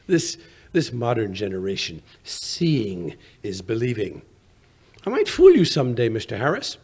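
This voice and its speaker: An actor playing a genial, self-deprecating old English doctor and storyteller, with a hesitant, old-fashioned manner in 1940s radio drama style. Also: male voice, mid-range voice, wildly swooping pitch, measured pace, darkish tone, breathy edge, exaggerated voice. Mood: genial, musing. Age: older.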